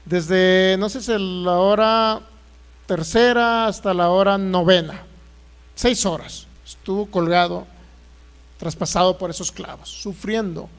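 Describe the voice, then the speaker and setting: A man's voice: high voice, slow pace, clear, resonant tone. A man preaching a sermon as pastor, asking the congregation questions and acting out Bible figures. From Mexico. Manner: lively preaching, acts out voices of Bible figures, rhetorical questions.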